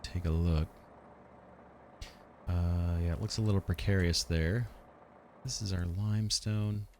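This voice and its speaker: A man hosting a let's play, thinking aloud in an unhurried way and asking himself questions as he plans. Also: low voice, fairly even intonation, a little mellow, a little hiss or hum. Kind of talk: thinking aloud while playing a strategy game.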